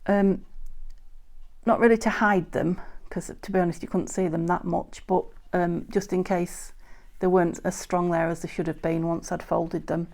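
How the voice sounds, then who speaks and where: A craft channel host from the UK, her voice lowish, a bit croaky and darkish in tone, chats casually while showing her work at an indoor craft table. She keeps a fairly even intonation and moderate pace, rambling a little, self-correcting and saying um often. Only her hands appear, filmed from an overhead camera.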